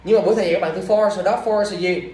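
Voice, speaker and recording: A man's voice: sits high, steady tone, very fast, darkish tone. A male teacher, reviewing exam questions in class and quizzing students with repeated questions. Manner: scolding, drilling questions at students. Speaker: English teacher. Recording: echoey room from far off.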